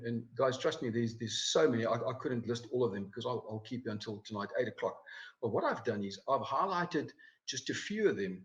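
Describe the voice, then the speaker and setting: Hesitant man presenting slides. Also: mid-range voice. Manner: hesitant, many fillers and repeated words. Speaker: financial advisor. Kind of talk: live presentation walking through slides. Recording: dull lo-fi recording.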